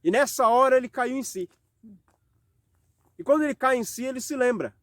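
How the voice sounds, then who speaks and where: With an extremely high pitch and a fairly bright tone, a Brazilian Portuguese-accented man preaches a home worship sermon. He takes scripture slowly and leans on rhetorical questions, and there's no echo.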